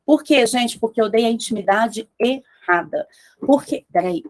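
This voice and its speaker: A woman's voice: a little high, animated, unhurried. A woman mentoring business owners, speaking with emphasis and firing rhetorical questions at her listeners. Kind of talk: motivational talk to entrepreneurs.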